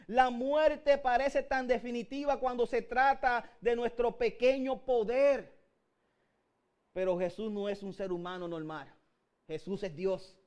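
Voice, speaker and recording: A man's voice: very high-pitched, steady tone, unhurried, darkish tone, smooth. A man with a Puerto Rican accent preaching a sermon, calling his listeners "brother" again and again and building up to emphatic peaks. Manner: addresses listeners as "hermano" constantly, rising to emphatic peaks.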